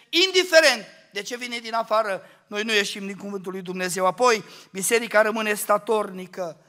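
Male guest preacher, very bright forceful tone, impassioned church sermon. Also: extremely high pitch. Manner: impassioned, swings from hushed to shouting. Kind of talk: fervent Pentecostal sermon. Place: church service.

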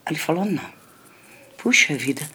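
An older woman with a fairly low voice tells a story from her own life. Her delivery is conversational, full of small tag questions, and she often turns to address the people listening. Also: animated, normal speed. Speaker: storyteller recounting a childhood memory. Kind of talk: personal storytelling. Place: community center.

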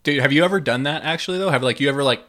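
A man with a slightly high, fairly bright voice races through rambling stories while co-hosting a casual chat. He swears freely and constantly drops "like" and "dude."

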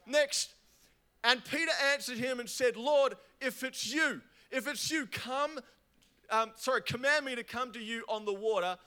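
A young man preaching a lively youth sermon, getting the crowd to repeat words after him. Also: very high-pitched, measured pace, clear, resonant tone. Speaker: youth pastor.

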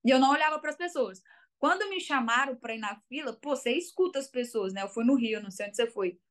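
A woman's voice: high voice, animated, quick pace, fairly bright tone. A young Brazilian woman with a Brazilian Portuguese accent, chatting casually as an interview guest and telling her story with lots of fillers. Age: young adult. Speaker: guest, college soccer player.

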